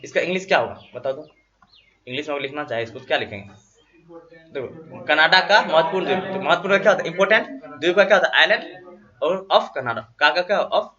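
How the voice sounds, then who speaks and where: A man teaching a classroom geography lesson, dictating notes slowly and quizzing his students with repeated questions. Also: a little high, lively intonation, a crowd in the background. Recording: dull lo-fi classroom recording.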